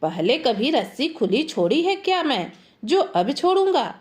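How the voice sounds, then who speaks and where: A woman's voice: high voice, sing-song, a little slow. A woman voicing a distraught, irritable village farmer man who has lost his buffalo. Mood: irritated. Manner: grumbling, irritable.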